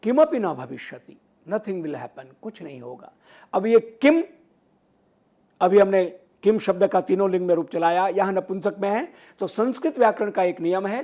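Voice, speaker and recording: Middle-aged male language teacher, higher-pitched voice, patient lecture delivery that leans hard on key words. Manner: explains patiently, repeats phrases in three languages. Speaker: Sanskrit teacher. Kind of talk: educational lecture.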